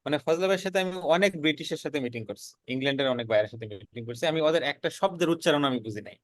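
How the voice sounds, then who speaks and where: A man's voice: on the high side, lively intonation, racing, no echo. A young man, telling the story of his freelancing career in an earnest, casual way and often repeating words as he builds a point. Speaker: freelancer guest.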